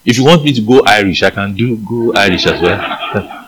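Reading scripture aloud during a sermon, a man with a Nigerian accent preaches at a normal pace with a breathy edge. He's animated, leaping up in pitch for emphasis and putting questions to his listeners, all on a rough recording.

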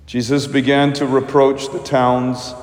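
Priest in a cathedral echo. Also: male voice, medium pitch, flat delivery, faint music behind. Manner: slow, measured preaching delivery. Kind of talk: gospel reading and homily. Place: large church. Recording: long echoing church reverb.

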